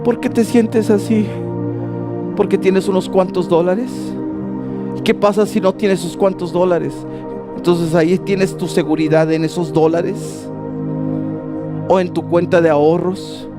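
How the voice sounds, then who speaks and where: A middle-aged man preaching a sermon, telling his own testimony with passion, dropping soft and low at reflective moments and rising high and pleading in prayer. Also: fairly even intonation, measured pace, over music. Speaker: pastor.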